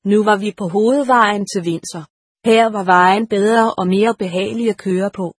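A woman narrates a storybook with an even, measured delivery. Her voice is a little breathy at a middle pitch. The recording is dry, with no room sound. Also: dry recording. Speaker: audiobook narrator.

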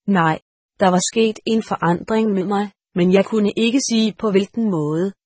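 A woman reading a first-person story aloud in a measured, solemn way. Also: medium pitch, darkish tone, breathy edge, no room sound, clean studio sound. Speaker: audiobook reader.

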